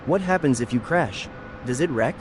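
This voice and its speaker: Synthetic male voice, text-to-speech, reads chat messages, flat delivery, mid pitch. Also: moderate pace, slight background noise. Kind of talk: reading viewer messages aloud.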